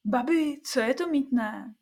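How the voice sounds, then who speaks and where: A woman's voice: high voice, animated, a little mellow. Woman voicing a curious little girl. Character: five-year-old girl, curious and timid.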